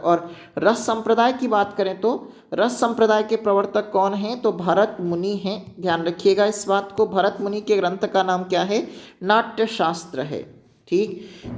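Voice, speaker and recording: A man teaching an exam-prep lesson, often checking in with students and reminding them to keep points in mind. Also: high voice.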